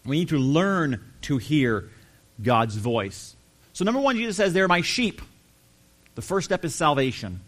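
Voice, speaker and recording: A man preaching a sermon, earnest and emphatic, slowing down to stress key phrases. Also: fairly high pitch, very animated. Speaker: pastor.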